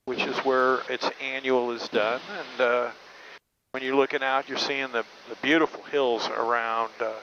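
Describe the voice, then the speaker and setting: A male pilot narrates casually from the cockpit in a forceful, mid-pitched voice. His phrasing is conversational and hesitant, and the audio is a little dull. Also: level tone, normal speed. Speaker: pilot and video host. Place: small aircraft cockpit in flight. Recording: muffled cockpit audio with faint noise.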